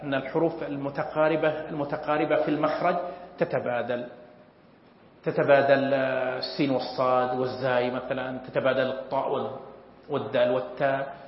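A man's voice: medium pitch, level tone, a little hiss or hum. Man lecturing in an echoey hall. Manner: measured, pausing often with fillers. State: clearing his throat often. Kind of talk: academic lecture. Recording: echoey hall, dull lo-fi sound.

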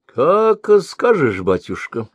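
A man's voice: huge pitch swings, slightly rough, no echo, exaggerated voice. A man doing a sly, cackling old crone. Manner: high cracked wheedling old-woman voice, slow and drawn out. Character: cunning old crone ferrywoman, mocking and sly. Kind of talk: audiobook reading.

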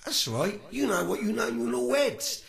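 A man's voice: very high voice, expressive, normal speed, gravelly, fairly bright tone. A man delivering a contemptuous, sweary rant as a vlogger. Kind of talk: angry rant. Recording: roomy echo.

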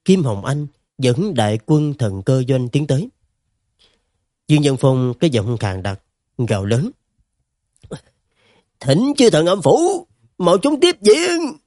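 A man narrating a fantasy story in an expressive, dramatic reading. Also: medium pitch, dry recording, clean studio sound. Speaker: audiobook narrator.

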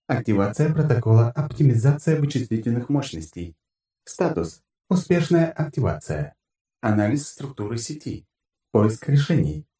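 A man's voice: mid-range voice, warm tone, roomy sound, distant mic, close to an everyday voice. A man voicing a malfunctioning combat AI system in an audiobook, a glitching robot that keeps reporting errors and reboots. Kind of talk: audiobook narration.

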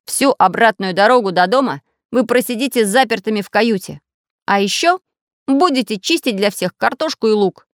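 A woman voicing a brave little male iron man in a storybook, firm and steady. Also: fairly high pitch, normal speed, no echo, studio quality, pitched above the performer's own voice, close to an everyday voice. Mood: stern. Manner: firm, stern when scolding.

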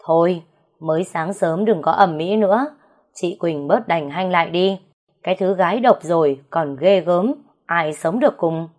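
A woman's voice: lowish voice, a little slow, a little mellow. A woman voicing a stern middle-aged man who heads the household and gives orders. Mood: gruff. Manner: bossy, commanding.

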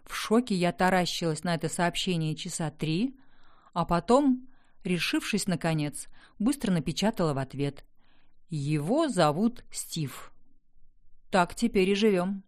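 A woman's voice: lowish voice, animated, normal speed. A woman reading a first-person audiobook in a wry, conversational storytelling manner. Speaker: audiobook narrator. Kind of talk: scripted first-person narration.

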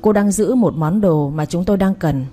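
A cold male gang enforcer snaps out short, flat demands in a low, mellow register, as a female storyteller puts him on. Faint music plays beneath. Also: moderate pace, close to an everyday voice. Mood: cold demanding. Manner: curt, demanding.

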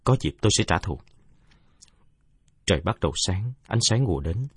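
A male storyteller with a low, husky voice, telling the tale in a measured, reflective way. His pitch moves freely and the recording is dry and close. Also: animated, no room sound. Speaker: narrator. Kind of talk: audiobook narration.

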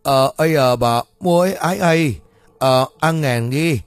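A man's voice: fairly high pitch, no echo, pitched above the performer's own voice, close to an everyday voice. A man voicing an irritable old male shaman who stutters and stumbles over his words. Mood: halting. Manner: halting, loud, quick to flare up.

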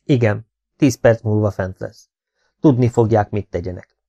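A man's voice: fairly low pitch, vocal fry, dark tone, highs cut off. Carter, a man reading a terse male officer. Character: terse, secretive male space-station officer.

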